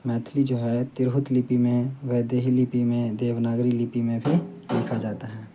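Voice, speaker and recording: A man's voice: mid-range voice, normal speed, a little hiss or hum. A man teaching a grammar lesson to students, explaining steadily and repeating key points so they stick. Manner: plain, steady explaining with frequent "ठीक है". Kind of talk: classroom lesson.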